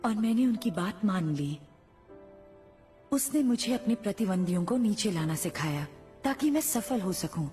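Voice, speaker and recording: A woman's voice: mid-range voice, expressive, moderate pace, dark tone, faint music behind, natural voice. A woman voicing a confident stage actress in an anime film dub, with a composed, assured way of telling her story. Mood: reflective.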